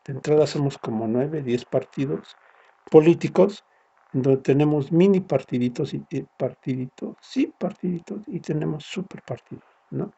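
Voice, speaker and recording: Male lecturer, mellow gravelly delivery, explanatory with tag questions. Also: a little high, normal speed, dull audio. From Mexico. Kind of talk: recorded university lecture.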